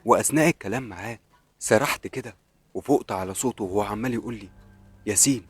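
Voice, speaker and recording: A man's voice: lowish voice, fast talker, slightly rough, soft background music. A man with an Egyptian accent narrating a scripted horror story in the first person, in a brooding, dramatic way. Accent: Egyptian Arabic.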